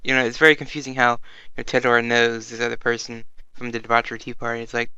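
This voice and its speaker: A man's voice: mid-range voice, flat delivery, quick pace, bright, forceful tone, smooth, no room sound, lo-fi sound. A man co-hosting an anime review in casual chat, reacting to the plot and laughing often. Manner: chatty, laughs often, quotes characters.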